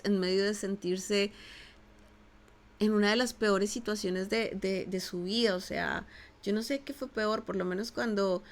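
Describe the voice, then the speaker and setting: A woman pastor from Colombia preaching a sermon, repeating lines for emphasis and speaking straight to her listeners. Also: mid-range voice. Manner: preaching with emphatic repetition and direct address.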